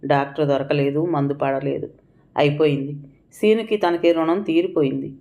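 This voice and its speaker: This is a woman with a low voice, narrating an audiobook story. She reads with feeling and gives the characters' pleas and cries her own emotional delivery. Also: steady tone, normal speed, dark tone, dull audio.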